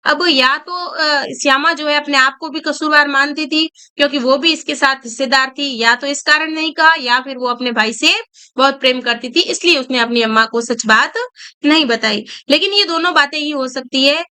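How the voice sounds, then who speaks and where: A woman's voice: sits high, moderate pace, bright, forceful tone. Woman explaining a story. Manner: reads a line then explains it in simple words. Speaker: Hindi teacher. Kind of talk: reading a story aloud and explaining it.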